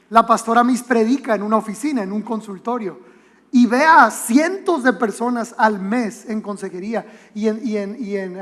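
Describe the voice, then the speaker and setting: A man's voice: extremely high pitch, a bit bright. A man with a Mexican accent preaching a sermon in a church auditorium, conversational, with rhetorical questions and joking asides. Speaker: pastor. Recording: long hall reverb from a church auditorium.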